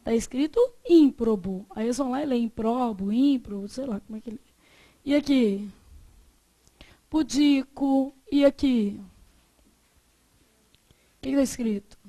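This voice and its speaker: High-voiced Brazilian woman teaching grammar. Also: warm tone. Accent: Brazilian Portuguese. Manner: chatty, joking, drawn-out example words. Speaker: Portuguese teacher. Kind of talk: classroom lesson.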